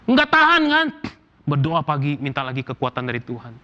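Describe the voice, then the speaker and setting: A man from Indonesia preaching a sermon as pastor, animated and casual, acting out everyday complaints. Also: fairly high pitch, brisk, highs cut off. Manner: animated, acts out quoted complaints in casual slang.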